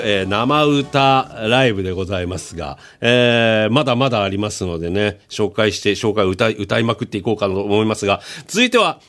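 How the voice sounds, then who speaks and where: A man hosting a casual request show, chatting in a friendly way and filling pauses with drawn-out hesitations. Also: medium pitch, a bit bright. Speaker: radio-style show host. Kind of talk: casual chat reading listener requests.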